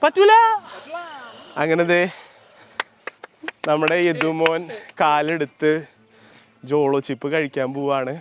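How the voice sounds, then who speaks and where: A man's voice: fairly high pitch, flat delivery, takes it slowly, pauses often, background noise. A man hosting a challenge video, playful and teasing, hyping the contestants with sung sound effects. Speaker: host running an ice sofa challenge.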